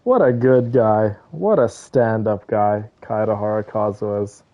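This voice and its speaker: Playing a game, a male streamer chats informally and shares his opinions in casual reaction commentary. His voice is on the low side and a little slow. The audio is slightly dull, with game music in the background.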